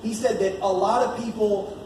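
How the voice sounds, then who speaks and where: Scripture is read and explained by an American man whose high-pitched voice holds a steady tone at a moderate pace. His sermon is informal and conversational, earnest, with key phrases repeated for emphasis. Background noise and echo fill the large indoor church space, picked up by a distant mic.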